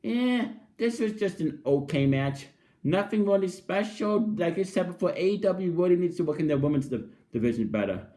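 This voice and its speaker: A man with a fairly high-pitched voice reviews a wrestling show in a casual, off-the-cuff way. He sounds like an enthusiastic fan walking through each segment. His delivery is halting, with frequent repeated words and restarted phrases. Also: lively intonation, warm tone. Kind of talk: casual spoken episode recap and review.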